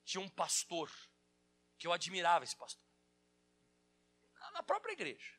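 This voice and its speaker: A man preaching a lively sermon, acting out quotes and telling stories to the congregation. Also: sits high, normal speed, slightly rough. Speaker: pastor.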